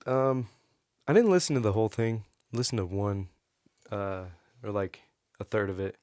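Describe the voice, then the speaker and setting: Low-voiced opinionated man ranting. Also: animated, moderate pace, a little mellow, clear, resonant tone, no echo, studio quality. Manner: rambling, profane, opinionated. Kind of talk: casual podcast chat.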